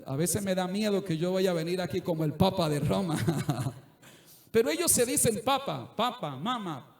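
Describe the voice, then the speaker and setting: A man's voice: sits high, expressive, normal speed, creaky. A middle-aged male pastor preaching a sermon earnestly, at times rising to fervent exhortation. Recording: echoey church room.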